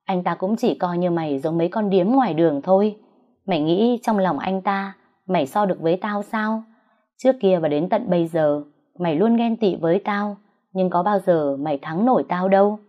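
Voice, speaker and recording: A woman's voice: lowish voice, normal speed, natural voice. A woman voicing a defiant young wife who speaks firmly and sneeringly. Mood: cutting. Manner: firm, cutting, sneering. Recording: dull lo-fi recording.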